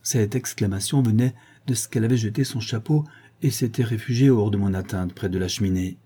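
Husky dark-voiced male audiobook narrator. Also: on the low side, a little fast. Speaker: audiobook reader. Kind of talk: scripted narration of a novel.

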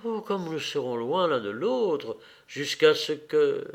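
A male reader voicing a young woman in love, tender and rapturous, in a slowly read audiobook. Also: on the high side, big pitch swings, creaky, exaggerated voice. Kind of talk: audiobook character reading.

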